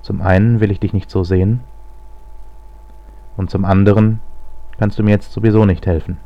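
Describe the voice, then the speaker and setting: Guy doing a calm young court chronicler, steady and even, dull lo-fi audiobook sound. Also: fairly low pitch, moderate pace, close to an everyday voice. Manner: calm and even, growing insistent. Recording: slightly lo-fi audio.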